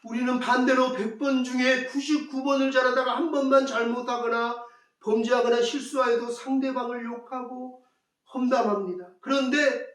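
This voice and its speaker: High-voiced pastor preaching in an echoey church. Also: male voice. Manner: asks the congregation rhetorical questions; repeats key phrases for emphasis. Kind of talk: sermon. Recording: echoey church hall, mic at a distance.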